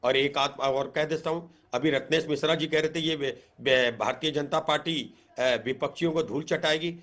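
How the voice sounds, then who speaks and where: A man's voice: a little high, fairly even intonation, normal speed, a bit bright. A man taking part as a panelist in a heated TV news debate, taunting his opponent and repeating jibes.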